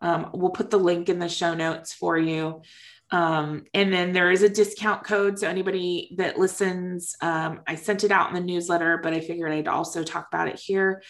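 A woman's voice: on the low side, flat delivery, normal speed. A woman co-hosting a casual podcast, recorded with a big echo in a large, empty room. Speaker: podcast co-host.

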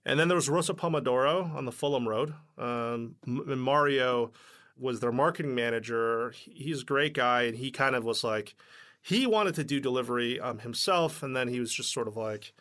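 Bright-voiced chatty man telling stories. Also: mid-range voice, normal speed. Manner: chatty, heavy with "like" fillers, acts out dialogue. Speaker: startup founder, guest. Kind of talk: casual interview storytelling.

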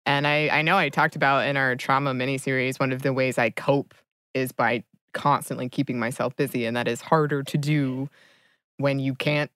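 A woman's voice: very deep voice, fairly even intonation, normal speed, a bit bright, no echo. A woman co-hosting a podcast in casual conversation, recorded close on a microphone in a small home closet. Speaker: podcast co-host. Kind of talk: casual chat.

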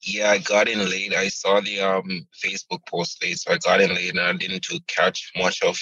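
A man calling into a live video Q&A, earnest and grateful, hesitant with many pauses. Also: low-pitched, completely flat delivery, pushed and bright, no echo, lo-fi sound. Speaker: caller asking a question. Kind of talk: casual chat on a video call. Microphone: video call.

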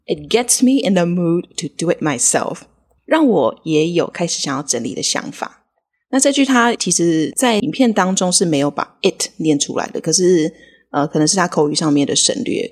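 A woman with a low, husky voice talks in Taiwanese Mandarin as a podcast co-host. She teaches English vocabulary in a relaxed lesson style. She breaks each word down slowly and plainly. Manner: explains words slowly and clearly. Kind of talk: casual language lesson.

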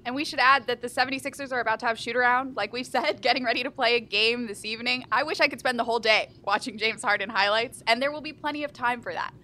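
A woman's voice: on the high side, fast talker, few pauses, sharp tone. A woman from Houston hosting a live basketball talk show, speaking with enthusiastic emphasis. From Houston, Texas. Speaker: sports show host.

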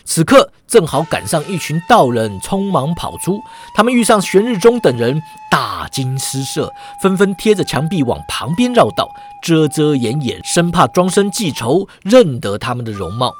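A man's voice: a little high, big pitch swings, moderate pace, hardly any pauses, soft background music. A man narrating a serialized martial-arts story with a dramatic telling.

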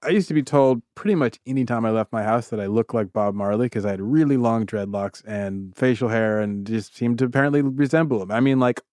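A man co-hosting a podcast, telling rambling, animated anecdotes with frequent laughter in casual chat. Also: mid-range voice, a little fast, few pauses, no echo, clean studio sound. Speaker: podcast co-host. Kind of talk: casual conversational storytelling.

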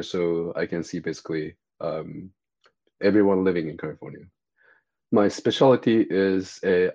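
Japanese-accented man, very low voice, hesitant casual guest, slightly dull audio. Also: a little mellow. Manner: hesitant, many fillers and restarts. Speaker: guest therapist. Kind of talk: casual interview answers.

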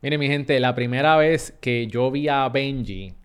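A man with a Puerto Rican accent hosting a podcast, talking to his listeners in an upbeat, energetic way. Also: mid-range voice, unhurried, clear, resonant tone. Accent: Puerto Rican Spanish. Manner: upbeat, addresses listeners as "mi gente". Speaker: podcast host. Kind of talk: energetic podcast intro and interview.

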